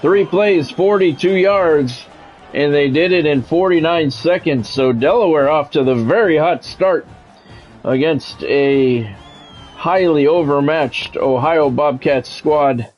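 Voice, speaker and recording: A streamer with a slightly high, somewhat mellow voice takes it slowly over soft background music. He gives live play-by-play of a sports video game, shifting between announcer-style calls and casual asides to his viewers, mixing commentary with chat.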